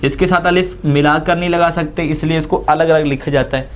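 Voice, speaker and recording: A man's voice: fairly high pitch, fairly even intonation, a little fast. A man teaching Quran reading, patiently drawing out each letter sound between step-by-step explanations. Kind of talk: slow step-by-step recitation lesson.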